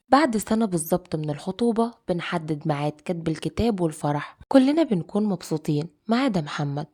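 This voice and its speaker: Fast-talking Egyptian woman storyteller. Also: lowish voice, warm tone. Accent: Egyptian Arabic. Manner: confiding, addresses listeners directly. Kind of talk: first-person story narration.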